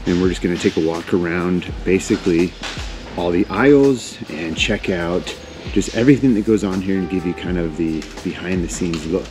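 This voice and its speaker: A man's voice: low voice, moderate pace, music in the background. A man in his thirties hosting a casual, upbeat walk-through tour of a large warehouse on a lapel mic. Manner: upbeat, enthusiastic. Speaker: vlog host.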